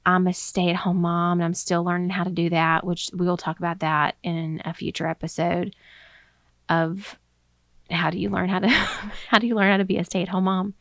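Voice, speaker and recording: A woman's voice: fairly low pitch, level tone, moderate pace, vocal fry, no room sound, clean studio sound. Slightly breathless woman podcaster, rambling. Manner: rambling, with many ums and restarts. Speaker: podcast host. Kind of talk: casual solo podcast talk.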